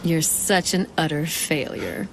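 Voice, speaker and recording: Anime dub role: cold, belittling woman, low voice, noisy background. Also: expressive, a little slow. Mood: contemptuous. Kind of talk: English anime dub acting.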